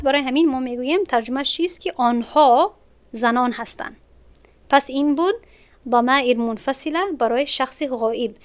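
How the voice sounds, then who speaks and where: A woman with a Tajik-accented Persian teaching an Arabic grammar lesson online, explaining patiently step by step and repeating words slowly. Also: high voice, smooth.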